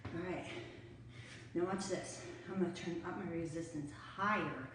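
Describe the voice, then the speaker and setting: In a room near the stairs at home, a middle-aged woman coaches a workout as she exercises, chatty and short of breath between bursts. Her lowish voice is a bit bright and moves at a moderate pace. The camera is distant, the room is echoey, and a little hiss or hum can be heard.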